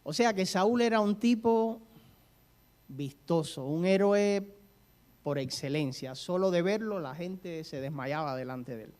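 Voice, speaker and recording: In a high voice with a darkish tone, a preacher speaks a little slowly as he tells stories in his sermon. He also poses questions to the congregation.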